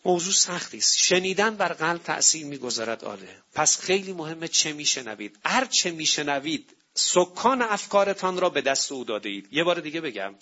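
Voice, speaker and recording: A man's voice: fairly high pitch, sing-song, pushed and bright. A man preaching a sermon with emphatic rhetorical questions to the congregation, on a dull lo-fi recording.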